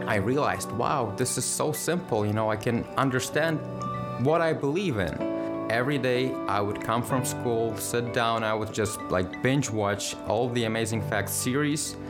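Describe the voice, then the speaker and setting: A young man from Ukraine, casually telling his personal testimony with many fillers. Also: lowish voice. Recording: loud guitar music underneath.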